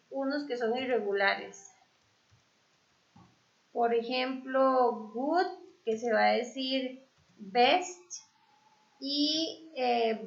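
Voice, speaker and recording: A woman teaching English in Spanish, slowly going over grammar in a review class with many fillers. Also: high voice, vocal fry, a bit bright. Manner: slow, explanatory, with fillers. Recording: echoey, dull lo-fi sound.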